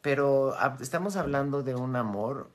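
A middle-aged woman giving an animated talk to her followers as a spiritual teacher, often acting out the voices she quotes and laughing. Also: extremely low pitch, normal speed. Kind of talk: live-streamed talk to followers.

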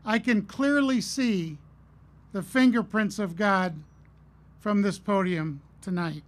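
A middle-aged man giving a commencement address at a podium, earnest and measured, telling stories with pauses. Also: high voice. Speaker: commencement speaker. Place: outdoor stage at a podium. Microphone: podium mic on a stand.

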